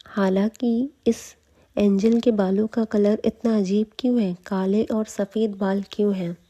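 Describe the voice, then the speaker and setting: Woman narrator voicing young male dragon slayer, stunned and bitter; slow, flat, very dark tone, her own voice. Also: medium pitch, close to an everyday voice. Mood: bewildered. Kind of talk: storytelling recap.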